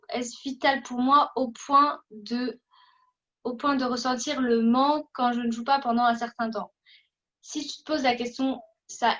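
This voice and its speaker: A woman with a fairly high, slightly bright voice hosts a casual interview on acting. She speaks hesitantly, restarting often and filling gaps with fillers, and the recording sounds dull and lo-fi.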